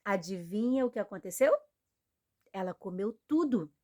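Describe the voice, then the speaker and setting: A woman's voice: mid-range voice, animated, normal speed, warm tone. A young woman with a Brazilian Portuguese accent preaching a sermon in an earnest, conversational way, often checking in with her listeners. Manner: earnest, conversational, frequent tag questions.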